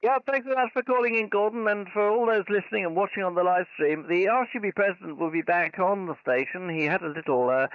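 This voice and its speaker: A man's voice: sits high, fast talker, hardly any pauses, clean tone, no room sound. A man working as an amateur radio operator, with polite procedural patter of call signs and signal reports, slightly muffled. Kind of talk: live ham radio contacts. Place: convention special event station. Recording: slightly muffled, dull sound.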